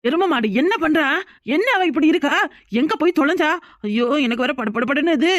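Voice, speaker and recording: A woman's voice: high-pitched, expressive. A woman with a southern Tamil Nadu accent voicing a gossiping younger village woman who nags with suspicion in a cartoon. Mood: nagging. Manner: quick, nagging, suspicious. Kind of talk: cartoon voice acting.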